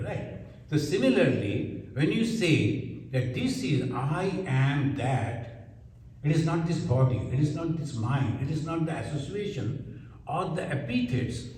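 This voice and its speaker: A man with a Bengali accent teaching scripture, explaining slowly and repeating his phrases. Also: fairly high pitch, mellow. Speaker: spiritual teacher. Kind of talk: scripture lecture. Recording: echoey hall from far off.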